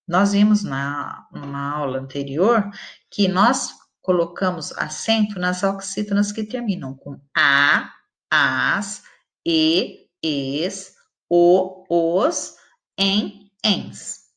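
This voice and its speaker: Slow, patient woman teacher with Brazilian accent. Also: fairly low pitch. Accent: Brazilian Portuguese. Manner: slow, patient, spelling out syllables and stressing words. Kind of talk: recorded grammar lesson for schoolchildren.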